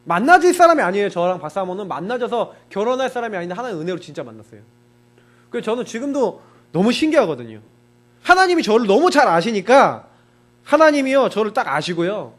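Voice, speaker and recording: Lively, high-voiced Korean pastor preaching. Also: male voice. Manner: animated, conversational preaching with frequent emphatic particles; acts out his own inner thoughts in quoted asides. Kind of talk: sermon with personal anecdotes.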